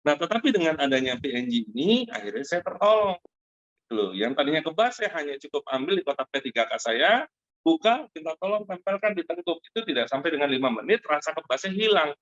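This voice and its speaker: A middle-aged man speaks over a muffled, lo-fi video call. The room sounds dry and close. He tells a personal story in a lively way and stops often for fillers and asides to his friends. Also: fairly high pitch, quick pace, no echo. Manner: animated storyteller, addresses listeners as friends, many fillers. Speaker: Zoom meeting host giving a product testimonial. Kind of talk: casual spoken testimonial to an online group.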